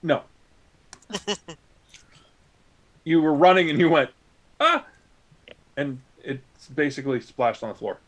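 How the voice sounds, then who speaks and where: A man's voice: a little high, unhurried, pauses often. A man running a tabletop game as game master, describing monster attacks and calling on players, with hesitant fillers.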